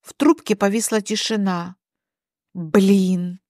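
A woman reading a scripted story aloud in a measured way. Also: a little high, expressive, a little mellow, no room sound, clean studio sound. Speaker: narrator.

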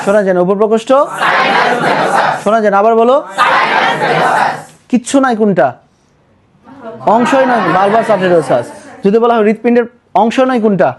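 A man with a Bangladeshi Bengali accent teaching biology in a call-and-response lesson, firing repeated questions and urging students to answer louder, with English words mixed in. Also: high-pitched, brisk, long pauses, over a noisy crowd, heavy background noise. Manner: mixes English words into the explanation.

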